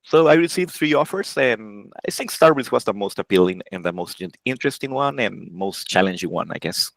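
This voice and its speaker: A man in his forties from Honduras talks through his career as an interview guest. He speaks casually and haltingly, stopping and restarting his sentences often. His voice sits fairly low, and the recording is dry with no room echo. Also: lively intonation, vocal fry, a bit bright. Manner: halting, many restarts and self-corrections, laughs often. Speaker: game programmer, interview guest.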